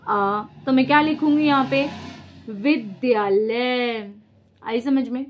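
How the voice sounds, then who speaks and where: A woman's voice: sits high, normal speed, a little hiss or hum. A young woman teaching a lesson as she writes out examples, asking the class a question and then answering it herself. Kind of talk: casual whiteboard lesson.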